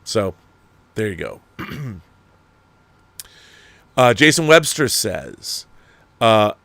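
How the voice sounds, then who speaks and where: With a fairly low, sing-song voice, drawn-out words, vocal fry and a sharp tone, this man hosts a film and TV commentary show. He answers viewer messages casually and opinionatedly, rambling with emphasis, repeating himself and swearing freely.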